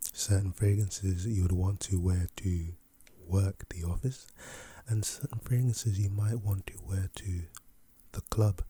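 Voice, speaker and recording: A man with a deep voice takes on the role of a relaxed, talkative perfume seller for an ASMR video, keeping his patter soft, breathy and unhurried. The voice he puts on is exaggerated.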